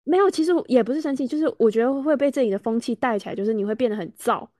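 A woman's voice: fairly high pitch, racing, warm tone, no room sound, clean studio sound. A woman with a Taiwanese Mandarin accent, co-hosting a casual podcast and complaining in a chatty way. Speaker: podcast co-host. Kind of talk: casual chat.

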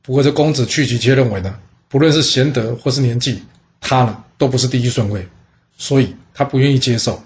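A man's voice: medium pitch, fairly quick. A man telling an ancient court story in a casual storytelling style, posing questions and answering them himself. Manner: lively, asks and answers his own questions.

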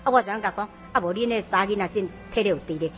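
A woman from Taiwan sharing her conversion story as an interview guest, telling it in an animated way and often quoting others. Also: medium pitch, quick pace, faint music behind. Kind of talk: lively personal testimony in casual conversation.

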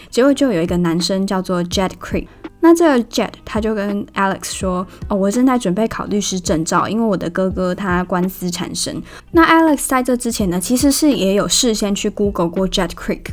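A woman with a Taiwanese Mandarin accent, hosting a casual storytelling podcast and telling it in a chatty, animated way. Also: mid-range voice. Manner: chatty and animated, laughing at her own stories. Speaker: podcast host.

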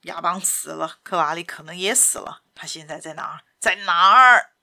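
A woman voicing an old father in a storybook reading, speaking in a faint, halting, pained whisper. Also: sits low, steady tone, pushed and bright, pitched below the performer's own voice. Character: old father, broken and pleading, male. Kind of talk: audiobook character voice.

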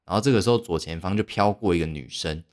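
Young man, deep low voice, rambling self-mocking storytelling, podcast host. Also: fast, darkish tone. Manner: rambling, self-mocking, heavy use of fillers. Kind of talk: casual storytelling monologue.

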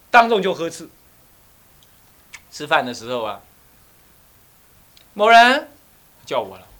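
Middle-aged Taiwanese monk teacher, animated storyteller, bright voice, higher pitch. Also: male voice. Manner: animated storytelling, acts out scolding voices, asks the listeners questions. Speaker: abbot and Buddhist teacher. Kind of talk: dharma talk with personal stories.

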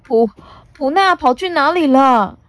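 A woman voicing a big, timid, gentle male dinosaur in a storybook reading, stammering and shaky but earnest. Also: high voice, animated, a little slow, no room sound, pitched above the performer's own voice. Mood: flustered.

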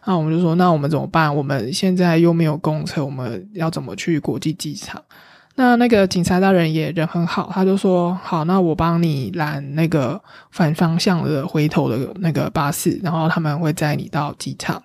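A woman's voice: low voice, normal speed, darkish tone. A woman with a Taiwanese Mandarin accent telling a travel story in a casual, chatty podcast monologue, full of fillers and self-corrections.

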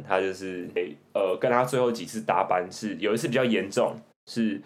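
A young man with a Taiwanese Mandarin accent, hosting a casual chat and telling animated stories with bursts of laughter and mimicked voices. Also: fairly low pitch. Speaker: podcast host.

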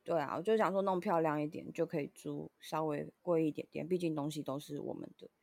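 A woman's voice: deep voice, a little fast, vocal fry, no echo, studio quality. A woman co-host, telling an annoyed story in casual chat. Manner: animated, frustrated storytelling. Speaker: podcast co-host.

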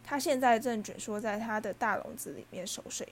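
A woman reading a storybook aloud as narrator, in a steady, even manner. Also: fairly high pitch, a little fast, a little hiss or hum. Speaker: audiobook reader.

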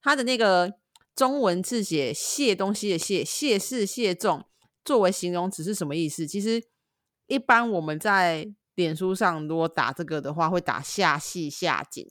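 A woman's voice: on the low side, moderate pace, fairly bright tone, no room sound, studio quality. A woman in her thirties from Changhua, Taiwan, speaking Taiwanese Mandarin and co-hosting a casual remote podcast chat, teasing and laughing. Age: 30s. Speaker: podcast co-host. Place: home, recorded remotely.

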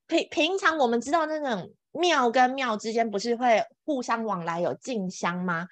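A woman, a podcast guest telling a personal story in an animated, exclamatory way, her voice jumping up in excited bursts. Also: moderate pace, dry recording. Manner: expressive, exclamatory, laughs often, jumps between high excited bursts and soft asides. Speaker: podcast guest, event planner.

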